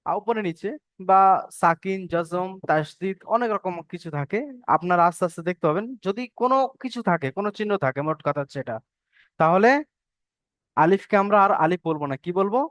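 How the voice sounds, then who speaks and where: A man's voice: high voice, fairly quick, a bit bright, no room sound, studio quality. A man teaching an online Quran reading class over a video call, patiently repeating points and drilling letter sounds.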